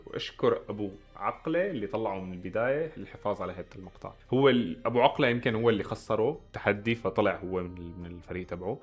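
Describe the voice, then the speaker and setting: A man's voice: mid-range voice, a bit bright. A young man with a Levantine Arabic accent, giving blunt, sarcastic reaction commentary. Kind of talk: casual commentary.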